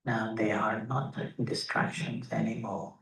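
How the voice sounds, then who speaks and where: A fairly low, gravelly, slightly bright male voice, steady in tone, leads a guided meditation from across an echoing room. He teaches step by step, speaking slowly in short phrases with pauses, picked up by a far-off microphone.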